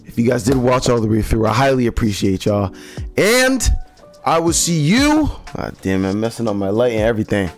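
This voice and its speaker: A hoarse young man hosting a horror game video, talking excitedly in slang and addressing his viewers often. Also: mid-range voice, fairly quick, faint music behind. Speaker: gaming channel host. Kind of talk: horror game reaction and outro.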